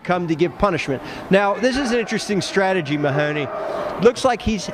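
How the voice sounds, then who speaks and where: A man working as lucha libre announcer on analysis, with a deadpan, pedantic way of commenting on wrestling. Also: high-pitched, a little fast, a loud crowd. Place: indoor gymnasium wrestling show. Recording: noisy gym, loud background noise.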